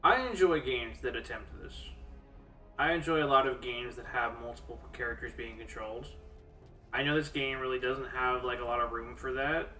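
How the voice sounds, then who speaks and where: A man giving casual, halting let's-play commentary, thinking aloud as he plays. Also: mid-range voice, pushed and bright. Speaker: game streamer. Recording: roomy, distant mic over game music. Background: game music.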